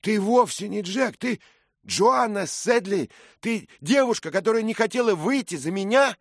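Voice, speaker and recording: A man's voice: deep voice, animated, normal speed, dry recording, clean studio sound, pitched above the performer's own voice. A man voicing a bold, impulsive young squire who speaks in fervent exclamations, in a read-aloud story.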